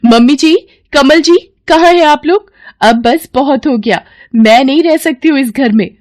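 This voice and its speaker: A woman voicing a vain, spiteful young sister-in-law in an animated story, loud and complaining. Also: on the high side, normal speed, pitched above the performer's own voice, natural voice. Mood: shrill complaining.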